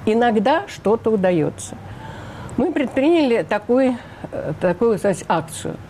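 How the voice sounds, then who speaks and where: A fairly high, warm voice with big pitch swings and a slightly slow pace belongs to an older woman advocating for refugee rights in a radio interview. She speaks emphatically and indignantly, often asking rhetorical questions, over a little hiss or hum.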